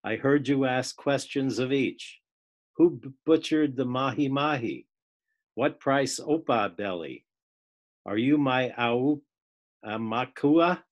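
A man taking part in a class on a video call, reading a poem aloud and then discussing it in a casual, halting way. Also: mid-range voice. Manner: unhurried, restarts words, laughs while reading.

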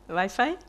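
A middle-aged woman, presenting her book at a literature festival in an animated, chatty way, with frequent little laughs and self-corrections. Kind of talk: conversational talk at a literary festival.

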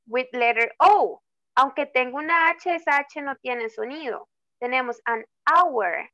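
Patient teacher type, woman, slow and clear, keeps checking in with students, muffled video-call sound. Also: sits high, sharp tone, dry recording. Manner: slow, drawn-out example words, frequent checking "¿ok?". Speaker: English tutor. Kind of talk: online class explaining grammar in Spanish.

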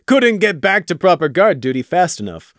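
A man's voice: high-pitched, very animated, normal speed, a bit bright, dry recording, clean studio sound, pitched above the performer's own voice. Man doing a jovial pegasus guard. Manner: jokey, boastful.

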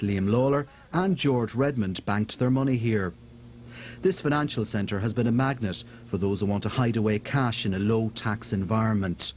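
A man's voice: lowish voice, darkish tone, a little hiss or hum. A man reading a scripted television news report as voice-over.

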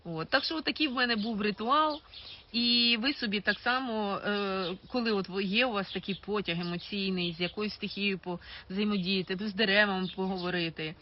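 A woman talks to her livestream viewers in a loose, animated way, often turning openly sarcastic. The recording sounds a little dull, with a faint hum underneath. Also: mid-range voice, a little fast. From Ukraine. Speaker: aromatherapy product seller. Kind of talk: casual livestream talk.

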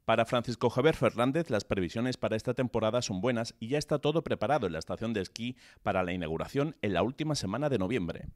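A man reading a scripted news voice-over in an even, formal way. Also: mid-range voice, quick pace, few pauses, no echo. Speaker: news narrator.

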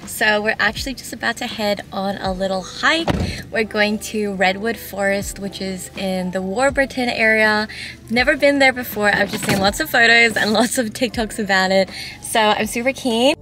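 A woman's voice: mid-range voice, normal speed, music in the background. A young woman chatting to camera from inside a car, bubbly and talkative, filmed on a phone held at arm's length. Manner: bubbly, chatty, laughs often. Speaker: vlogger. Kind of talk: casual vlog chat.

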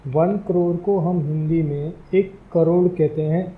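A man's voice: on the high side, steady tone, unhurried, phone-quality sound. A man teaching a spoken English lesson, spelling words out letter by letter in a careful, explaining manner.

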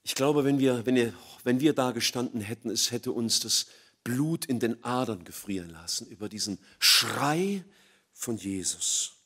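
A middle-aged man preaching an evangelistic sermon, swinging from loud emphatic peaks to hushed, low passages. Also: expressive, unhurried, slightly rough.

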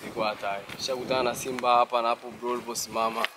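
A man guiding a safari, speaking fast and casually as he explains what he sees. He sounds distant from the mic, with a loud vehicle engine rumbling behind him. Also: level tone, noisy background. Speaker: safari guide.

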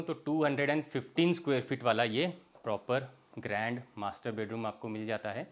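A young man from India giving a walking tour of a villa's bedrooms, inviting the viewer along in an easy sales patter, mixing Hindi with phrases. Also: medium pitch. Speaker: real estate tour host. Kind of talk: property walkthrough. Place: indoors, large villa interior, walking room to room.

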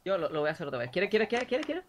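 Young gamer, high bright voice. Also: male voice, racing. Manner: relaxed, short replies, playful outro. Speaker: gaming co-host. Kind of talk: casual Minecraft let's play chat.

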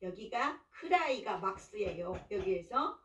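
A woman's voice: mid-range voice, sing-song, unhurried, fairly bright tone. A woman singing teacher leads a song lesson. She counts in the beats, explains each phrase and sings the lines out for her class. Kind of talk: song lesson with sung demonstrations. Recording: roomy, distant mic with backing music.

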